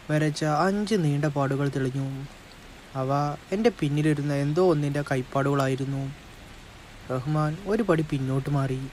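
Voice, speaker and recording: A man narrating a first-person horror story in a slow, suspenseful, dramatic manner. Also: fairly high pitch, a little mellow, a little hiss or hum, poor audio.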